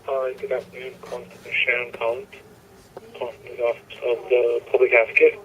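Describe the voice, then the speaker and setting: A man's voice: medium pitch, completely flat delivery, brisk, crowd noise. A man leaving a short, polite voicemail, reading out a callback number, played back from a phone. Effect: voicemail played back over a phone speaker. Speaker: caller from an advocate's office. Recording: tinny phone voicemail playback.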